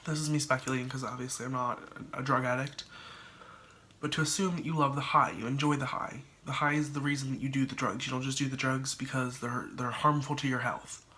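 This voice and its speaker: A man's voice: mid-range voice, level tone, fairly quick, sharp tone, a little hiss or hum. A man vlogging casually to camera with a congested, stuffed-up voice, thinking aloud with lots of likes and ums. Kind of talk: casual solo talk to camera.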